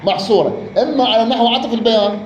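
High-voiced man teaching grammar. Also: very fast, lo-fi sound, crowd noise. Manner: repeats words, quizzes the student. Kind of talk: Arabic grammar lesson, question and answer. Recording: echoey room, faint noise.

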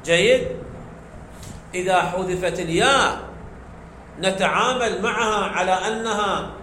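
A man's voice: high-pitched, measured pace, bright, forceful tone. A man teaching a grammar lesson, explaining step by step and quizzing his class with questions he answers himself. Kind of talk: classroom lecture. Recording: echoey room, faint background noise.

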